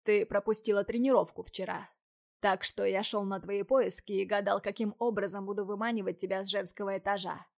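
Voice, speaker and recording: Steady young guy captain, calm and protective, a bit teasing, woman reading him for an audiobook. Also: medium pitch, fairly quick, creaky, lightly acted.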